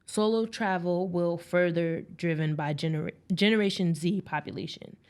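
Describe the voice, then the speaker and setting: A woman's voice: lowish voice, normal speed, a little mellow, smooth. A young adult woman co-hosting a podcast, who asks questions and chats casually. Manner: conversational, asks questions, teasing. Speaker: podcast co-host. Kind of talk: casual chat.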